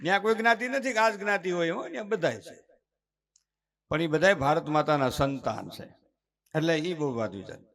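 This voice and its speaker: Bright high Kathiyawadi man on stage. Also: lively intonation, fairly quick. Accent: Kathiyawadi Gujarati. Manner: preachy storytelling, mimics family members. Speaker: dayro folk comedian and storyteller. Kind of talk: live dayro stage talk. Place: live stage before an audience.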